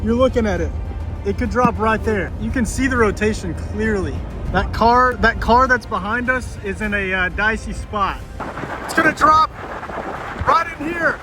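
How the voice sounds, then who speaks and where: A man chasing a storm talks in casual, excited vlog commentary, addressing his viewers and repeating himself. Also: high-pitched, moderate pace. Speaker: storm chaser. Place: inside a moving car. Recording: music over car audio.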